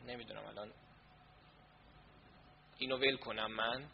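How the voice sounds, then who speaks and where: A man's voice: medium pitch, steady tone, vocal fry, lo-fi sound. A man presenting a live online class, flustered as he sorts out connection and sound problems aloud. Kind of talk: casual talk during a live online session.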